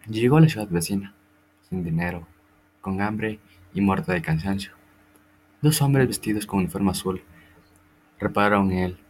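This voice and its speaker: A man reading a classic story aloud in a steady, measured narration. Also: sits low, slight background noise.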